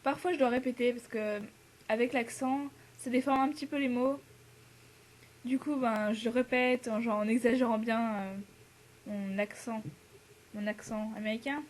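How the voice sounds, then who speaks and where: A woman's voice: fairly high pitch, fairly even intonation, moderate pace, darkish tone. A teenage girl from France, an exchange student, chatting casually to the camera with lots of fillers, laughs and English words mixed in. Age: teens.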